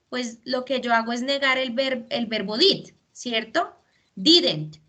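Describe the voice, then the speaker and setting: A woman's voice: high voice, bright, forceful tone. A woman English teacher explaining grammar step by step in a patient class.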